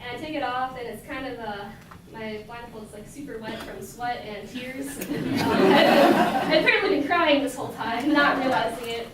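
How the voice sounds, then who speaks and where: A woman's voice: on the high side, moderate pace. A young woman telling a personal story before a live audience, chatty, with many filler words and frequent laughter. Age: young adult. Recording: echoey hall, mic from a distance, noisy.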